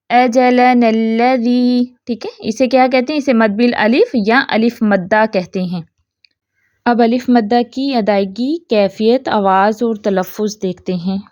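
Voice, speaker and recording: A woman's voice: a little high, no room sound, highs cut off. Woman teacher explaining pronunciation rules. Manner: explains step by step, keeps checking with "theek hai"; stretches out recited example words slowly. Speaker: Quran recitation teacher. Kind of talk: online tajweed lesson.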